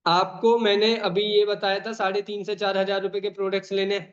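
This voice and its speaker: High-voiced man urging an online meeting. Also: flat delivery, a little fast. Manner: urging, repetitive, emphatic. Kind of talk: online meeting talk, calling out names. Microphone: video call. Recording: dull lo-fi call audio.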